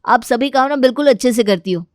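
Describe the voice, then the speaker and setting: A woman voicing an impatient young husband in a cartoon story, hurried and irritated. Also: on the high side, dry recording, studio quality, voice pushed up, lightly acted. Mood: relieved.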